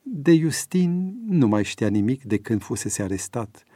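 A man reads a story aloud at a steady, measured pace in a middle-range voice. The recording is dry and close, with no room echo. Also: medium pitch. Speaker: audiobook narrator. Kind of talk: scripted story narration.

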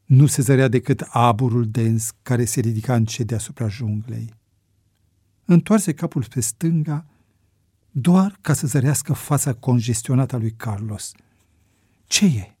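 A man narrating an adventure story in a measured, dramatic audiobook reading. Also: medium pitch, dark tone, slightly rough, no room sound, studio quality.

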